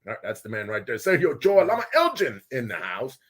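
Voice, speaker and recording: A man hosting a casual live show from a small studio with guests, loud and excitable, often laughing. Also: medium pitch, fast talker, slightly rough. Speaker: host.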